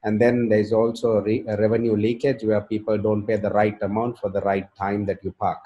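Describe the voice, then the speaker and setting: A man giving a business pitch, steady and explanatory with some fillers. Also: fairly quick, muffled recording. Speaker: startup presenter.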